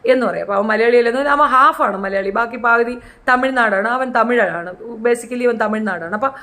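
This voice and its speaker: Chatty high-voiced woman commentator. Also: normal speed, a bit bright. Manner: chatty, opinionated, acts out quotes in high voices. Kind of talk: casual reality show commentary.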